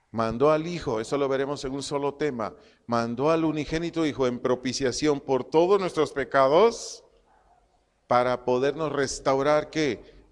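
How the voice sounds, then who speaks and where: A man preaching a sermon to his congregation, slow and emphatic, repeating his phrases and dictating punctuation as he teaches. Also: mid-range voice, long reverb tail. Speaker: pastor. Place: church congregation hall.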